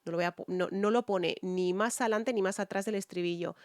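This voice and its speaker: A woman's voice: medium pitch, fairly even intonation, fairly quick, no echo, studio quality. Chatty Spanish woman reacting to songs. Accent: Spanish from Spain. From Spain. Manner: chatty, many fillers, hums snatches of melody. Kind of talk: casual reaction commentary.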